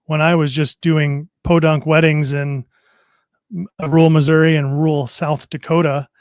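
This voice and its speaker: Friendly male product specialist, chatty explainer, a bit higher voice, dry close recording. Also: little pitch movement, normal speed, dry recording. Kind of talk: casual livestream chat and product demo.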